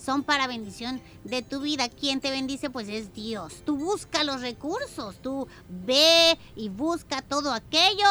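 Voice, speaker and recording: A woman's voice: high voice, expressive, unhurried, few pauses, sharp tone. A woman co-hosting a religious children's radio show in a conversational, encouraging way.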